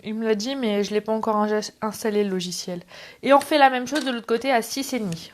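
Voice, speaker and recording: A woman's voice: on the high side, fast talker, slight background noise. A middle-aged woman hosting a casual live craft tutorial, chatting with viewers and greeting them by name between steps. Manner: chatty, greets viewers, self-deprecating asides. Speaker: craft livestream host. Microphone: camera on tripod.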